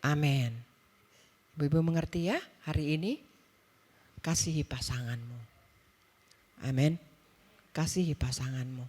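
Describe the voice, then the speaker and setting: A woman's voice: low voice, a little mellow, husky. A middle-aged woman preaching a sermon at a church women's service, telling a personal story in a conversational way and acting out the dialogue. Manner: conversational storytelling, acts out dialogue, quick asides.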